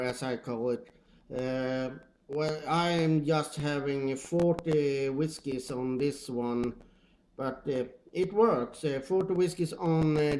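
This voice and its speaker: Over a noisy two-way radio with clicks, a ham operator from Sweden talks casually in Swedish-accented English, sometimes hunting for the right words. He has a mid-range, darkish voice, and the audio carries the effect of a radio transmission.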